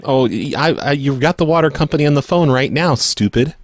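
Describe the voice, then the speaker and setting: A show host makes a prank phone call posing as a utility worker, stammering and accusing in a mock-serious way. His voice is a little high and his pace brisk, with a dry, clean studio recording.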